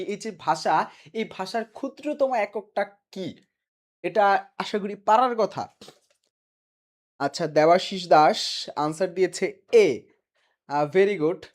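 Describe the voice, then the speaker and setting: A man with a Bangladeshi Bengali accent teaching a live online class, repeating each question and its answer and reading students' names from the comments. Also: high-pitched.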